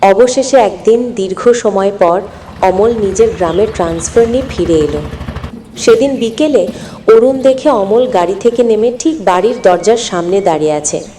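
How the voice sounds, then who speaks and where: A woman with a mellow, medium-pitched voice narrates a scripted moral story at a normal speed, in an earnest and dramatic storytelling manner. There is slight background noise and a long, hall-like reverb.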